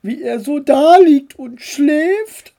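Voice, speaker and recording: A fond, doting aunt in a storybook, as a woman reader puts her on. Her voice rises high and coos affectionately. She speaks slowly and loudly. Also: expressive, creaky, full character voice. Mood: fond cooing. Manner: cooing, high and bright.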